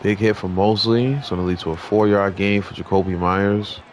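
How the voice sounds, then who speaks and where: Young guy with a low voice calling a football video game, laid back, faint hiss behind. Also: normal speed. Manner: relaxed, conversational, mild restarts. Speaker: gaming commentator. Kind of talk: casual video game play-by-play commentary.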